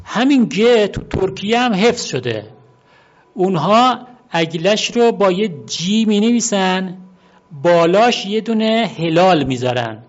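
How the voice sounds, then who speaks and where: A man giving an unhurried, explanatory talk on word origins, often pausing to repeat and spell out words. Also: high-pitched. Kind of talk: explanatory monologue. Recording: dull lo-fi recording.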